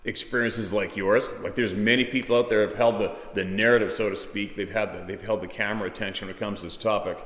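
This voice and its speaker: A man's voice: fairly low pitch, fairly even intonation, quick pace, hardly any pauses, fairly bright tone. A man hosting an informal storytelling show, reading a listener's account aloud and commenting on it. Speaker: host of a Bigfoot sightings show. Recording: echoey room with long reverb.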